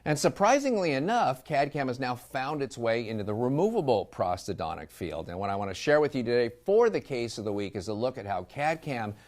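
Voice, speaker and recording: A middle-aged man, a dentist, walking through a hands-on demonstration in a relaxed, explanatory way with some fillers. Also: mid-range voice, fairly quick, hardly any pauses. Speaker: dentist and dental lab presenter. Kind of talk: instructional demo talk.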